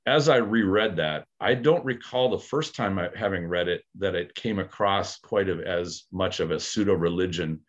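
This podcast co-host, an aikido practitioner, speaks in a low voice at a normal pace with few pauses. Working through ideas in a casual discussion, he sounds thoughtful but hesitant, leaning on fillers and frequent restarts, captured with lo-fi sound.

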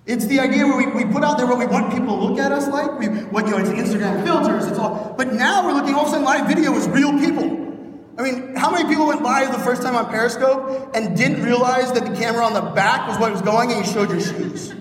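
A man in his thirties from Pittsburgh delivers a fast, punchy keynote to a conference crowd, and his voice sits very high. He was caught on a phone from across the stage, so he sounds distant. A long, booming reverb from the big hall trails his words, over a faint hiss. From Pittsburgh, Pennsylvania, USA. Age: 30s. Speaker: keynote speaker. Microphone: phone recording from the stage.

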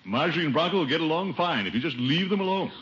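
Man playing Gildersleeve, pompous animated American uncle. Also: fairly high pitch, quick pace, lightly acted. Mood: fussy, admonishing. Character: pompous, fussy middle-aged uncle, genial head of household. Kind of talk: 1940s-50s radio comedy acting. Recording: dull noisy vintage radio recording.

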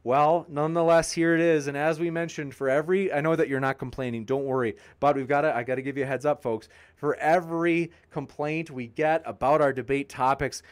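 A man's voice: on the high side, steady tone, a little fast, hardly any pauses, smooth. Upbeat man hosting a live stream. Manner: upbeat, joking, reading viewer comments aloud. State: tiring, pausing to drink. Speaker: debate channel host. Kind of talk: live stream chat shout-outs.

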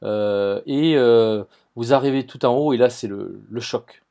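A man from southern France with a Marseille accent hosts a travel-storytelling podcast, speaking enthusiastically and directly to listeners while repeating words and restarting sentences. His mid-range voice is a little slow, creaky, and dark in tone.

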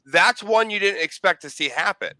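A man's voice: sits high, lively intonation, moderate pace, pushed and bright. A man in a casual group chat, rambling and emphatic as he talks like a fan.

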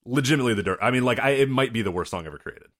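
Male podcast host, casual, quick and animated. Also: mid-range voice. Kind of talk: casual banter.

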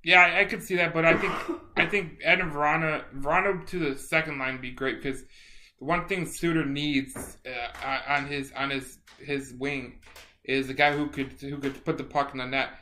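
A man co-hosting a casual sports podcast, halting and repeating words as he thinks aloud. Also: on the high side, fairly even intonation, pushed and bright, a little hiss or hum. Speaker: podcast co-host.

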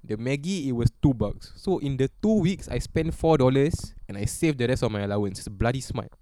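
Mellow young Singaporean man talking Singlish. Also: mid-range voice, animated, brisk, no room sound. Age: young adult. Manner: colloquial Singlish with slangy sentence particles. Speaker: podcast co-host. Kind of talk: casual chat, storytelling.

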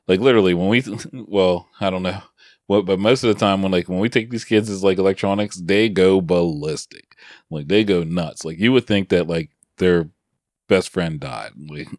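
A man's voice: low voice, no echo, studio quality. A middle-aged man co-hosting a podcast from his bedroom, blunt and sarcastic, laughing often in casual chat. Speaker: podcast co-host. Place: bedroom at home.

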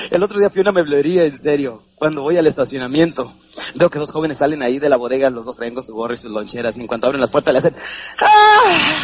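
With a fairly high-pitched voice, a Mexican motivational speaker gives a live seminar talk in a hall. Animated and theatrical, he acts out little voices and quizzes those listening. Highs are cut off, and slight background noise is present.

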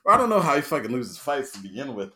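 A man's voice: medium pitch, big pitch swings, fast, pushed and bright. A man co-hosting a podcast, talking in a loose, rambling, profane way about comic book powers. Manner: profane, rambling, laid-back. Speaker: podcast co-host. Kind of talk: casual chat.

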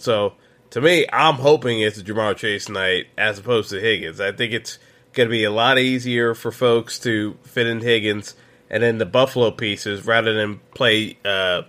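Male podcast host, lowish pitch, sharp bright tone, opinionated, rambling with fillers. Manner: opinionated, frequent fillers and restarts. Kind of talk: solo sports betting podcast.

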